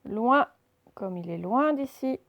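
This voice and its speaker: Woman teacher, phonics lesson; slightly high, fry-edged voice, slow and deliberate, quizzing the class. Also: animated, highs cut off. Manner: slow and deliberate, sounding out letters and quizzing listeners.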